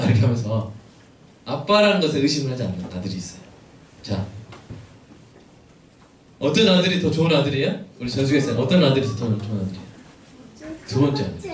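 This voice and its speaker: A man's voice: medium pitch, distant mic, a little hiss or hum. A man preaching a sermon as pastor, asking his congregation questions and answering them himself. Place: church sanctuary. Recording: echoey church hall, mic from afar.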